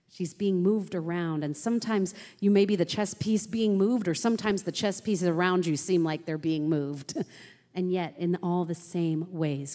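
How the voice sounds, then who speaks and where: Woman preaching in a reverberant hall. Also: lowish voice. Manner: conversational, animated storytelling with direct questions to listeners. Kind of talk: sermon.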